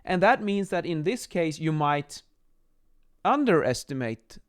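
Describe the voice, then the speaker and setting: A man presenting as an acoustics instructor gives an informal whiteboard explainer lesson from a small home office. His fairly high voice is smooth, very animated and unhurried, picked up close by a boom-arm microphone.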